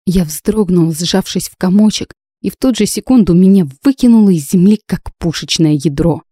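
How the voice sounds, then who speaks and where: A woman narrating a novel in the first person with a lively, emotional reading. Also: fairly low pitch, moderate pace, breathy edge, no echo, studio quality. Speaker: audiobook narrator.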